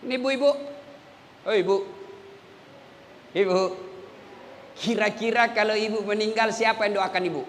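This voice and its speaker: A man delivers a humorous sermon, his voice pitched very high with a sharp, bright edge. He tells stories with animation and acts out the dialogue himself. The sound carries a long hall reverb under faint background noise. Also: moderate pace, pauses often. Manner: animated storytelling, acts out dialogue, addresses audience directly. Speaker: preacher.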